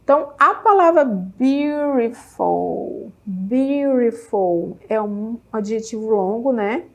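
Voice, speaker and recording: A middle-aged woman from Brazil with a Brazilian Portuguese accent, teaching an English lesson. She is lively and encouraging, checks in with students often, and says English words slowly and clearly. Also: a little high. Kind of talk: televised classroom lesson.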